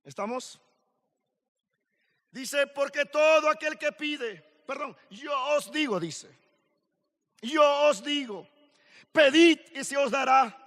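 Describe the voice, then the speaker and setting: A man preaching a sermon at a youth camp, slow and emphatic, building to shouted questions. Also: very high-pitched. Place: large hall at a youth camp. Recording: long hall reverb.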